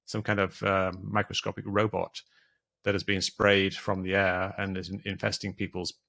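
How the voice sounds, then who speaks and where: A man with a deep voice full of fry explains things in a casual podcast interview. His tone is bright and forceful despite the low pitch. He talks at length, restarting phrases and filling pauses. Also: monotone. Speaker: guest, debunker of conspiracy theories.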